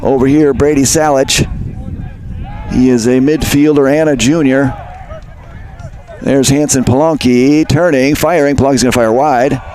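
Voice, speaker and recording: A man doing live play-by-play commentary for a high school lacrosse game, chatty and conversational, often correcting himself. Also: steady tone, measured pace, long pauses, darkish tone, a little hiss or hum. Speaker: play-by-play announcer. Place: outdoor high school field.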